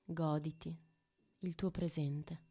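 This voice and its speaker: A woman leading a guided meditation in a hushed, intimate voice right by the ear, with long pauses between short phrases. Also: low voice, flat delivery, breathy edge, faint music behind. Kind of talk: guided meditation, slow and soothing.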